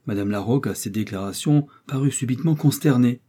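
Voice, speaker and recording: A man reading a classic novel aloud in the first person, measured and literary. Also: mid-range voice, mellow, breathy edge. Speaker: audiobook narrator. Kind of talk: first-person scripted narration.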